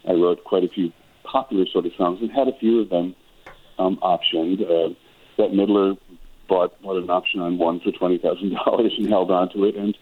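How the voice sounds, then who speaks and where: A man's voice: low voice, steady tone, normal speed. An older man from Wisconsin, a musician guest on a radio interview, talking reflectively and rambling with frequent restarts. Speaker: guest musician and choral director. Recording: tinny phone-like radio audio.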